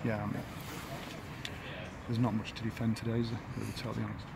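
A man in his fifties, an English football manager, giving a halting post-match interview outdoors by the pitch, full of fillers and restarts. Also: completely flat delivery, gravelly, a crowd in the background. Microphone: handheld camera at close range. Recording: outdoor noise behind.

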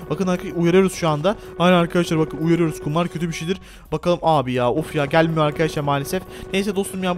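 A young man hosting a playful gameplay video, excitable and quick to yelp and gasp as he talks to his viewers. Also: sits high. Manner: excitable, yelps and gasps on the rides. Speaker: gaming video host. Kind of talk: playful gameplay role-play commentary.

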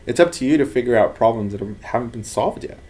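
A man's voice: mid-range voice, expressive, fast talker, a little mellow. A man in his thirties from Los Angeles, a lab head talking earnestly and animatedly about his work in an office interview. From Los Angeles, United States. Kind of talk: casual interview talk. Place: office with bookshelves, indoors.

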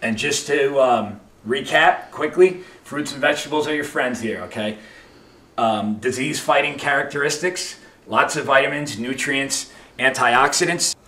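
A man's voice: mid-range voice, moderate pace, bright, forceful tone, echoey room. A man presenting as a personal trainer in a supermarket aisle, emphatic and coaxing as he gives shopping rules. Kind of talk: instructional presenting.

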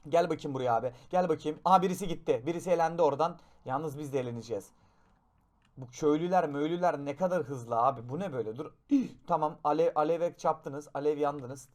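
A young man giving excited gameplay commentary, shouting in bursts, then dropping to low mutters, and making gun noises with his mouth. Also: fast talker. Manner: excitable, shouts and swings between loud outbursts and low mutters; makes gun sound effects with his mouth. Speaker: gaming YouTuber.

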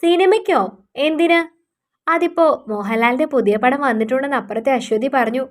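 A woman voicing a harsh, scornful husband who shouts insults at his wife. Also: high voice, a little fast, natural voice. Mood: angry scolding. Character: harsh scornful husband, middle-aged man.

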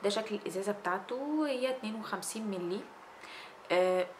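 Fast-talking Egyptian woman reviewing skincare. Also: mid-range voice, slight background noise. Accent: Egyptian Arabic. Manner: chatty, animated, gestures with her hands while talking. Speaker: beauty vlogger. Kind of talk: casual product review. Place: small indoor room with fairy lights.

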